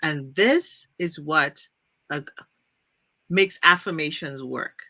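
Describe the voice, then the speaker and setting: A woman from Trinidad hosts a faith-based podcast talk show, her low-sitting voice sharp in tone and slow in pace. She speaks earnestly and thinks aloud in a casual, faith-focused conversation.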